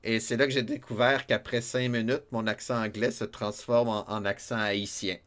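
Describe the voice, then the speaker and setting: A man's voice: medium pitch, flat delivery, moderate pace, fairly bright tone. A man with a Québécois accent streaming a retro game, chatting and joking with his viewers and laughing often. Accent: Québécois French. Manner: chatty, jokey, laughs often, reads chat aloud. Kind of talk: casual let's-play chat with viewers.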